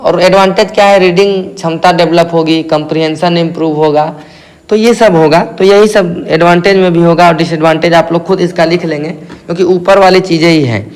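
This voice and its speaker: Male north Indian tutor, high-pitched voice, drilling students by answering his own questions. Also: steady tone. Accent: Hindi-speaking north Indian. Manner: asks questions and answers them himself, repeats key terms slowly. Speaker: teacher. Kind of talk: exam-prep lecture.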